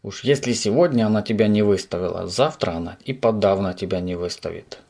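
A man's voice: on the low side, brisk, vocal fry, a little mellow, breathy edge. A man voicing a cheeky, mischievous little creature who teases and mimics others gleefully.

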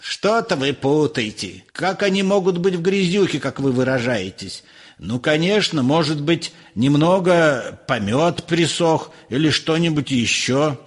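A man's voice: on the high side, lively intonation, unhurried, breathy edge, pitched above the performer's own voice. A man voicing an irritable, scornful older professor who snaps in exasperation in an audiobook. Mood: condescending. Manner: snapping, exasperated.

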